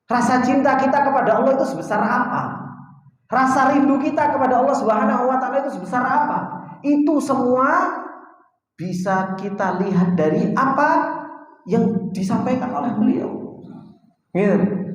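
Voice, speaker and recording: A man's voice: high voice, dull audio. Male religious teacher, conversational, rhetorical questions, heavy echo, long hall reverb. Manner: conversational, keeps asking the audience rhetorical questions. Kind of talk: religious study-circle talk.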